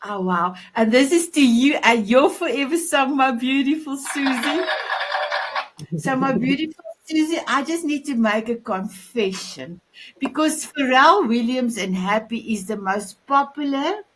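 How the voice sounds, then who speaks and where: On a casual online chat show, a South African host who speaks Afrikaans gushes with affection, repeating "my beautiful" and stumbling into frequent restarts. Her high, expressive voice is fairly bright and moves at a measured pace, though the recording quality is low.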